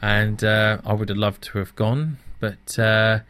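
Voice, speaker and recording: A man's voice: lowish voice, steady tone, a little slow, fairly bright tone, clean tone. A young British man with blunt opinions, hosting casual news commentary with many restarts. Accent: British English.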